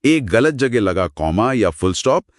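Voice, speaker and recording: Man, podcast co-host, lowish voice, animated intonation, dry close sound. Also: a little slow, dry recording. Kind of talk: explanatory podcast chat.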